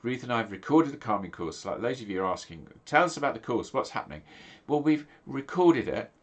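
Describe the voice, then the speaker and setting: A middle-aged English pastor talks casually to camera in a mid-range voice with lively intonation, moving fairly quickly. His voice sounds stuffy, nasal and congested, and he rambles with lots of ums and restarts.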